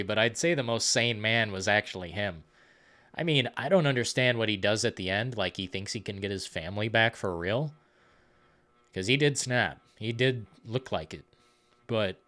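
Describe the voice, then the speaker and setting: A man hosting a live stream, chatting casually about films in a rambling, profane, excitable way. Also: mid-range voice.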